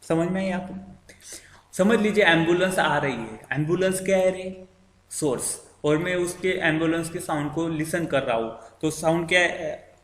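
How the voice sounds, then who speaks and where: A man's voice: on the high side, normal speed. A male physics teacher talks through a syllabus overview, asking questions and answering them himself and repeating key terms with many fillers. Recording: echoey room with long reverb.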